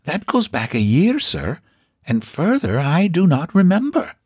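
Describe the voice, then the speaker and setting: A man's voice: fairly high pitch, huge pitch swings, a little slow, darkish tone, breathy edge, no room sound, clean studio sound, pitched above the performer's own voice, full character voice. A man voicing an old landlady who is proper, businesslike and stern, speaking in guarded, furry tones. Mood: prim.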